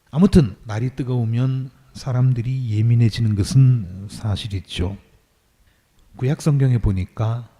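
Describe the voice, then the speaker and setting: A middle-aged man preaching from the pulpit in a storytelling way. His tone is mellow and dark, and he acts out quoted lines with a raised voice. His pitch sits in the middle range for a man. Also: husky. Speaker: pastor. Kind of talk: sermon.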